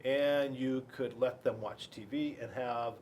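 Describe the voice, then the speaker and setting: With a mid-range, slightly mellow voice and fairly even intonation, a school resource officer reads a picture book to children a little slowly. He chats with them playfully, full of rhetorical questions, over slight background noise.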